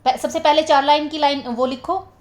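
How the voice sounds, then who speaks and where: High-voiced woman teaching in mixed Hindi-English. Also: steady tone. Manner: explains step by step, keeps asking "ठीक है?"; mixes Hindi with slow, careful English phrases. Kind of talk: exam-prep literature lecture.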